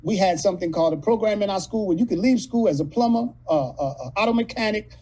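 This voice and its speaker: A man in his late fifties from California, telling rough, profane stories as a guest in a casual interview. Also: high-pitched, fast talker, a little mellow, slight background noise, poor audio. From California, USA. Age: 50s. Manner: profane, rambling, street-talking storyteller. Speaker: actor guest.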